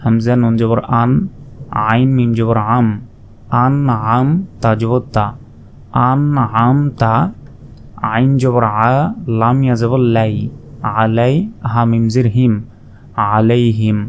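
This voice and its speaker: A man teaching recitation, spelling out each syllable slowly and then reciting with long drawn-out vowels. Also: medium pitch, flat delivery, a little hiss or hum. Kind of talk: slow spelled-out pronunciation lesson.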